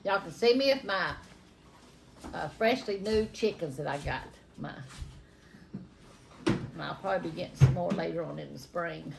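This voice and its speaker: A woman's voice: on the low side, moderate pace, vocal fry, pauses often. An older woman with a Southern US drawl, speaking in a folksy, plain-spoken way like a home vlogger. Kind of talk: casual chat and spontaneous prayer. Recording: faint background noise.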